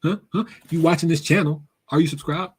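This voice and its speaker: A young man hosting a casual live Q&A, reading viewer comments aloud and answering them in a relaxed, slangy way, laughing often. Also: fairly high pitch, fast, husky. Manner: relaxed, conversational, drops words into everyday slang. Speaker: livestream host reading chat.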